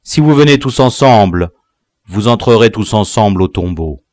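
A man voicing a crafty male sorcerer who shouts shrilly at a crowd in a hollow, raised voice, in a dry, close recording. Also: medium pitch, slow, no echo, voice pushed up, lightly acted. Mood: proclaiming.

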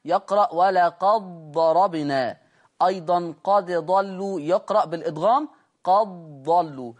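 A man with an Egyptian Arabic accent leads a lesson on Quran recitation rules. He draws each recited example out slowly and carefully, then explains in quick, chatty bursts, often turning to his students to check they are keeping up. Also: high-pitched. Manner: addresses the class directly and checks they follow.

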